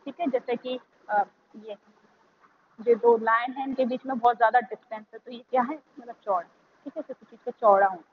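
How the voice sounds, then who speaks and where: A woman teacher with an Indian accent, giving a vocabulary lesson to children, spelling each word letter by letter before explaining it. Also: fairly high pitch. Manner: spells words letter by letter, then explains slowly. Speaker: school teacher. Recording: muffled lo-fi recording with faint background hiss.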